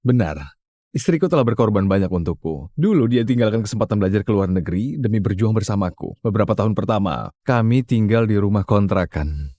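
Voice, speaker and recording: A man voicing a wealthy, controlling husband who talks briskly and gives orders in a dubbed drama. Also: on the low side, animated, mellow, dry recording, studio quality, natural voice. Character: smooth, controlling rich husband, quick to irritation.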